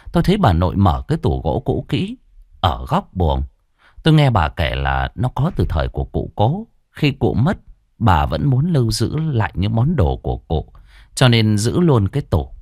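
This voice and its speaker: A man telling a ghost story in a dramatic, expressive way. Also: fairly low pitch, no echo. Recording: dry close studio voice.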